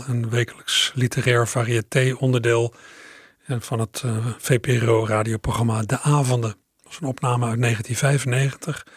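A man with a Dutch accent, a radio presenter giving a calm, measured scripted announcement. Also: medium pitch, breathy edge, no room sound, studio quality.

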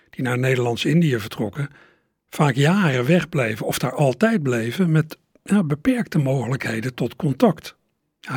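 Husky guy on the radio calmly explaining old songs, dry close sound. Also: mid-range voice, dry recording. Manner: calm, explanatory storytelling. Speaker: radio host. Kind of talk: radio presenting about old records.

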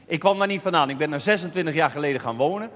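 A man telling a humorous story about a pub, imitating drawn-out Amsterdam singing. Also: on the high side, in a large hall, noisy background. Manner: lively, imitates Amsterdam singers with drawn-out vowels. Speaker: storyteller on stage.

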